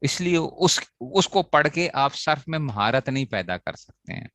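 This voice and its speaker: With lively intonation and a fairly high, fairly bright voice, a man teaches an Arabic grammar lesson at a moderate pace, answering his own questions and reinforcing the key points. There's no echo.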